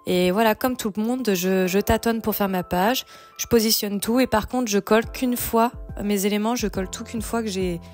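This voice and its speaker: A woman's voice: medium pitch, moderate pace, a little mellow. Female craft tutorial host, informal and chatty, mid-range voice, faint music underneath. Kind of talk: casual step-by-step tutorial narration. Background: background music.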